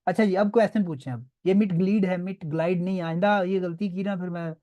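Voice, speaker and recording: A language teacher with a high-pitched voice runs a beginners' online class at a brisk pace, patiently drilling sounds and regularly checking that his students are keeping up. The recording sounds muffled.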